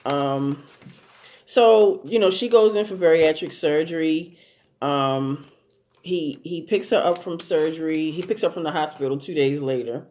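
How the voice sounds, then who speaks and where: A woman with a deep, darkish voice and a measured pace gives a casual recap and commentary on a TV episode. Blunt and amused, she swears freely and rambles with lots of fillers and restarts.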